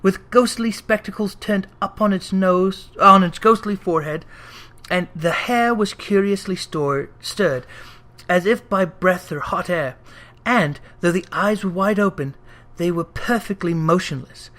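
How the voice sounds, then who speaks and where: A mid-range voice narrates a classic story for an audiobook, giving a dramatic, expressive reading in which phrases are slowly and deliberately emphasized.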